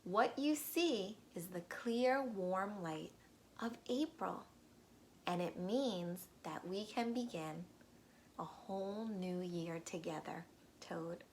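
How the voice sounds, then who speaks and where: A woman's voice: medium pitch, takes it slowly, a little hiss or hum. A woman voicing an eager, cheerful male frog from a storybook, coaxing and pleading with a friend.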